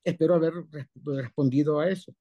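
Speaking a little fast in a fairly high, dark-toned voice, a man with a Colombian Spanish accent teaches as a rabbi. His spoken class explains pronunciation, and he emphatically repeats and exaggerates sounds while confirming his students follow along.

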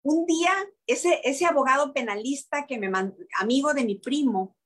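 High-voiced Mexican woman telling her story. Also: normal speed. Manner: animated storytelling, many repetitions and restarts. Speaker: interviewee, network marketing leader. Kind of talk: emotional personal story in an interview.

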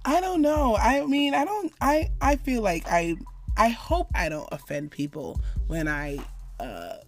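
A woman from Jamaica co-hosting a casual chat with her best friend, playful and halting, often restarting her sentences. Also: a little high, sing-song, soft background music. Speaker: podcast co-host.

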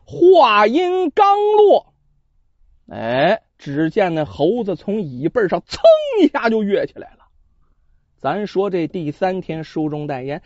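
A man tells an old tale in traditional storytelling style, his pitch swooping with energy and his asides chatty and direct. The recording is close and dry with a slightly muffled top end. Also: slow pace, dry recording. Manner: animated, chatty asides to listeners.

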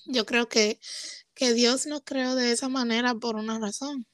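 A woman's voice: on the high side, steady tone, a little slow, dry recording. A young woman guest on a podcast, talking candidly and emotionally, dropping English phrases into her speech. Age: young adult. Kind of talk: casual conversation.

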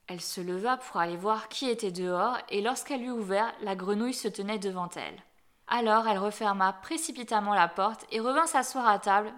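A woman reading a fairy tale aloud as storyteller, gentle and dropping softly at the ends of phrases. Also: medium pitch.

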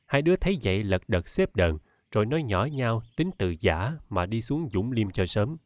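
Low-voiced man narrating an audiobook. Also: no echo. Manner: steady, measured storytelling. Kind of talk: scripted narration.

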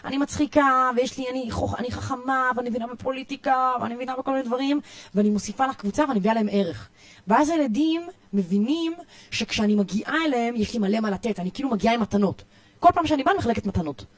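A woman youth coach with an Israeli accent, giving parenting tips in a podcast interview in an energetic, emphatic way, often repeating herself. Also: on the high side, no echo. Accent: Israeli Hebrew. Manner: energetic, repetitive, emphatic listing.

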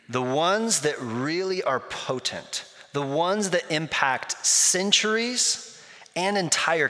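A man preaching to his congregation with a bright, forceful voice at a middle pitch. He talks through stories in a loose, conversational way, and the church hall gives his words a long echo. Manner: conversational preaching with storytelling asides. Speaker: pastor. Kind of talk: sermon.

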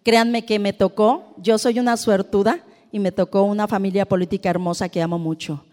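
A middle-aged woman with a Mexican accent gives an expressive motivational talk to a live audience, acting out the people in her stories. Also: mid-range voice, brisk. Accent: Mexican Spanish. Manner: expressive storyteller who acts out dialogue. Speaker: presenter and speaker. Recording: long hall reverb.

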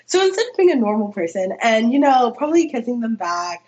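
A woman's voice: fairly high pitch, sing-song, a little fast, darkish tone. A young woman telling a story in a casual podcast chat, full of fillers and giggles. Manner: chatty, lots of fillers, giggly. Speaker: podcast guest.

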